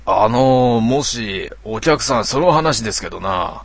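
A man voicing a gentle, polite older taxi driver with a Kyoto accent in a mystery game, with a husky voice. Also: mid-range voice, lively intonation, a little slow, no room sound.

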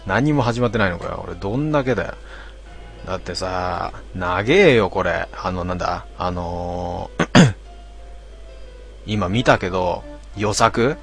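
A man hosting a casual late-night stream, reading out listener comments with grumbling asides and frequent throat clearing. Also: low-pitched, a little slow, fairly bright tone, soft background music. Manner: grumbling, talks to himself, mock-annoyed asides.

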